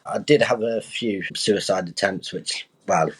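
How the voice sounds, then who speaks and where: A young boxer appears as a guest on a podcast interview, chatting openly and frankly and often opening with "I'll be honest." His voice is lowish, husky, and unhurried, recorded dry.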